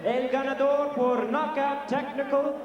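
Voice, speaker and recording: A man working as a ring announcer, formally declaiming a fight result in the drawn-out manner of a lucha libre announcer. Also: very high voice, steady tone, muffled recording, music in the background. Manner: declamatory, stretching out the winner's name. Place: in the ring at an open bullring. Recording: echoing arena public-address sound.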